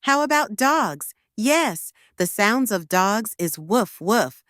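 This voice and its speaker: A woman's voice: fairly high pitch, animated, slow pace, fairly bright tone, dry recording, clean studio sound. A woman presenting a children's lesson in a broad, singsong, encouraging way, asking questions and prompting little ones to repeat words. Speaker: children's educational video presenter. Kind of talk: scripted teaching for toddlers, with questions and repeat-after-me prompts.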